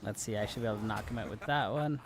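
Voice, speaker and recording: Creaky-voiced man musing over a game. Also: on the low side, racing, background noise. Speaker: gamer commenting on a playthrough. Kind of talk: casual game commentary with read-aloud text.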